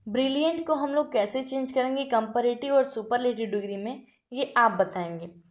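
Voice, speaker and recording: Brief: woman teacher, fairly high voice, patient step-by-step grammar explainer. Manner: explains step by step, asks the class questions; reads example sentences slowly and emphatically. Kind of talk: spoken grammar lesson.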